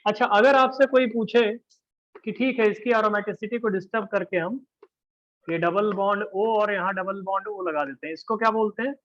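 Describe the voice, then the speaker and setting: A man's voice: sits high, normal speed, a bit bright. A male chemistry teacher giving a live classroom lecture, chatty and teasing, often checking in with his students. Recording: dull lo-fi class recording.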